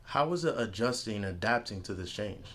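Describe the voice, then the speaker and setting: A man interviewing, reading out scripted questions briskly. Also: on the low side, expressive, a bit bright.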